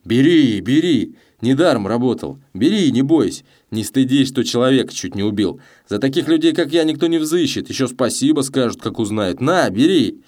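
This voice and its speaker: A man voicing a wounded, bitter male thief in an audiobook, shouting with harsh contempt. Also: fairly low pitch, slow, pitched above the performer's own voice. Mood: angry shouting. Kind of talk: audiobook character voice.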